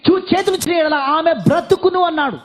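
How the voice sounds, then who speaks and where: A man interpreting a sermon phrase by phrase, rendering each line quickly with small restarts. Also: very high voice.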